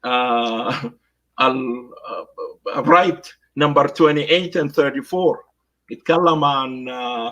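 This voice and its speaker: A man's voice: on the high side, a bit bright, poor audio. South Sudanese man giving commentary. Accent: South Sudanese Arabic. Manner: mixes Arabic with English phrases; hesitant, many fillers. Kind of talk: political commentary.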